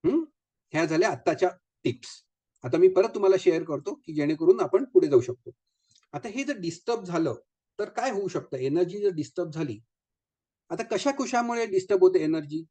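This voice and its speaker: A man's voice: sits high, lively intonation, a little fast, dark tone. A man, a vastu consultant giving a live talk to an audience. He speaks in a chatty way, drops English phrases into his speech and keeps asking rhetorical questions.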